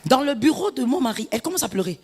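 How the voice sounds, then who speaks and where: Woman, pastor, sermon, husky, middle-aged, animated, sing-song. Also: sits high, fast, big-room sound. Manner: animated preaching, lapsing into sung phrases and shouts.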